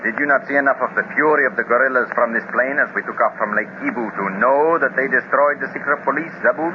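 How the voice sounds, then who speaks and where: An actor playing a scheming, pompous master villain with a slow, gloating delivery, in a 1930s radio serial with hiss on the recording. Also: male voice, mid-range voice, lightly acted. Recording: hissy, dull 1930s radio transcription.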